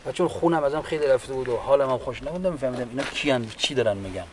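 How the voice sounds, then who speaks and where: A man's voice: mid-range voice, animated, slight background noise. Man recalling his wartime wounds, far from mic. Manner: halting, unhurried retelling with restarts. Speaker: wounded war veteran. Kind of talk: personal war testimony. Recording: distant mic with faint background ambience.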